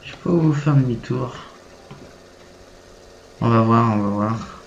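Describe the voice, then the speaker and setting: A man's voice: mid-range voice, takes it slowly. Laid-back man narrating gameplay casually. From France. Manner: relaxed, thinking aloud with fillers. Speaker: gaming channel host. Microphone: desk gaming mic. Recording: slightly dull lo-fi mic with faint background hum.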